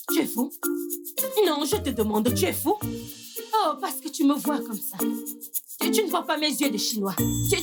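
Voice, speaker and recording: A woman voicing a teasing village woman who laughs and mocks, in a dubbed film. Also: sits high. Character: mocking village woman, quick to tease.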